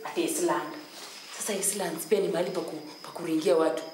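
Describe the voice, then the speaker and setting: A woman's voice: lowish voice, steady tone, fast, a crowd in the background, lightly acted. A woman with a Kenyan accent playing a cheeky, meddling house help in a TV sitcom, mixing Swahili and English. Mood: brazen muttering. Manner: mixes Swahili and English, brazen. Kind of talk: TV sitcom acting. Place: living room indoors. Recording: echoey room with music behind.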